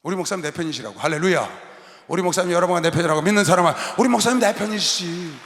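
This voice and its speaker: A man preaching a sermon as pastor, shouting and leading the congregation in call-and-response. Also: sits high, lively intonation, rapid-fire, a faint crowd. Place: large arena hall. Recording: roomy long-reverb arena sound.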